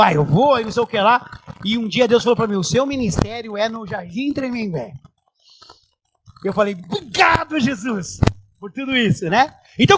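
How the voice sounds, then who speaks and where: High-voiced preaching man, lively and joking. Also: a little hiss or hum. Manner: animated, conversational preaching with humor. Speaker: pastor. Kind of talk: sermon. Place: church.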